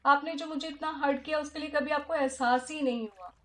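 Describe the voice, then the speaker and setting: A woman teacher guiding an inner-child healing meditation in a soft, emotive way that often drops to a hush. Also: sits high, steady tone, fairly quick. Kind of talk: guided meditation.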